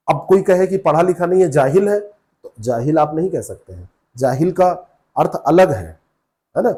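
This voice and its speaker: Mellow-voiced man teaching with questions. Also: on the high side. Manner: explains with questions and answers, "है ना" check-ins. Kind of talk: exam-prep lesson.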